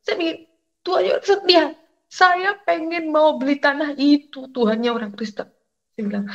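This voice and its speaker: A middle-aged woman, telling her faith testimony in an emotional, halting way and addressing listeners directly. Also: a little high, creaky, highs cut off. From Indonesia. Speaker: testimony guest.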